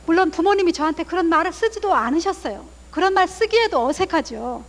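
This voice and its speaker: A woman in her thirties, a family counselor giving a lively guest lecture to a church audience, acting out parents' words as she talks. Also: very high-pitched, fairly quick, long reverb tail. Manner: animated, acts out parents' lines in quoted voices. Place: church hall.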